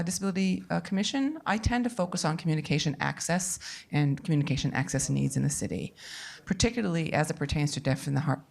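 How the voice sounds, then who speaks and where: A woman sign language interpreter gives a live English voice-over for a deaf speaker, talking in his first person. Her voice sits low with a gravelly fry. Her delivery is measured, with small pauses and restarts as she follows the signing. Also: darkish tone. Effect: voice-over interpretation, speaking in first person for a deaf signer. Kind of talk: live spoken interpretation at a public forum.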